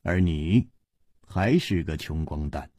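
A male storyteller voicing a boisterous, hot-tempered swordsman who talks loudly and scolds his friend. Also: rumbling low, animated, takes it slowly, dry recording, studio quality, voice pushed down, full character voice. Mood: teasing. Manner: loud, blustering, scolding.

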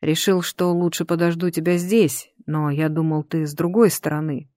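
A reader voicing a young prince who speaks quietly and apologetically, hesitant and frightened, in an audiobook. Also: mid-range voice, flat delivery, moderate pace, no echo, clean studio sound, lightly acted. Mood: contrite.

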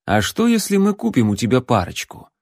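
A man's voice: medium pitch, huge pitch swings, fairly quick, no room sound, studio quality. A man voicing a composed, patient male ranger who speaks reasonably. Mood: calm. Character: calm, patient male ranger, quietly amused.

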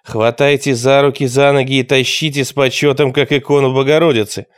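A man's voice: mid-range voice, fairly even intonation, a little fast, clean tone, close to an everyday voice. A man voicing a stern, authoritative teenage leader who gives firm commands. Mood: commanding.

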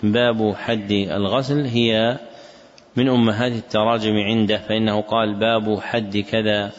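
A man teaching a lesson, explaining the text in a measured, deliberate way, recorded in an echoey hall with dull lo-fi sound. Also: on the low side, flat delivery. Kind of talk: scholarly lesson commentary.

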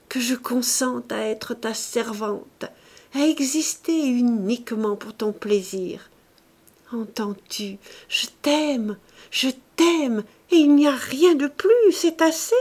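A woman's voice: high-pitched, slightly rough, voice pushed up, heavily acted. A woman reading an audiobook voices a desperate young woman pleading with her lover, passionately, from fury to tender whispers. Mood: loving, insistent.

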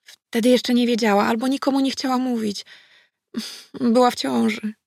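Lady voicing a giggly tipsy bridesmaid in an audiobook, bubbly, bit of gravel, dry close sound. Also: on the high side, steady tone, normal speed, a little mellow, no room sound, pitched above the performer's own voice. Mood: serious. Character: cheerful tipsy woman, bridesmaid, warm old friend. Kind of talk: audiobook character voice.

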